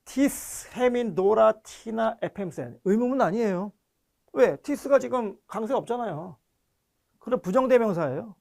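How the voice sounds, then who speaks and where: A man's voice: high-pitched, expressive, creaky, darkish tone. A man giving an online grammar lecture, explaining step by step and often checking that students understand. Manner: reads foreign words slowly and deliberately. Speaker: language teacher.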